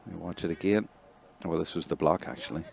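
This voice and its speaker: A man with a Northern Irish accent giving live play-by-play commentary, chatty between plays and excitable when a score comes. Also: deep voice, a little fast, vocal fry. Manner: conversational, excitable on big plays. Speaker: match commentator.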